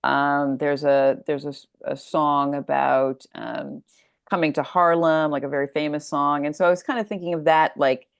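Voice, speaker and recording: A middle-aged American woman, a guest author discussing her story collection, talks casually in an interview, thinking aloud in a thoughtful, discursive way. Her voice is low, gravelly yet smooth, with little pitch movement and a moderate pace. The recording is dry and studio quality.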